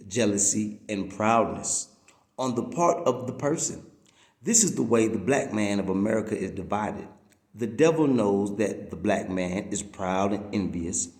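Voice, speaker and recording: A man with a fairly low, darkish voice reads a written religious-political message aloud like a preacher, leaning on key words and stretching them out. The recording is roomy, with a clear echo around his voice.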